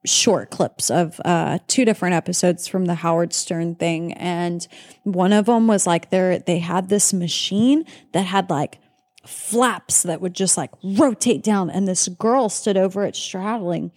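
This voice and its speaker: A woman's voice: on the low side, measured pace, a little mellow. A woman hosting a podcast in casual chat, talking candidly with plenty of swearing. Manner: candid, profane, chatty. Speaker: podcast host.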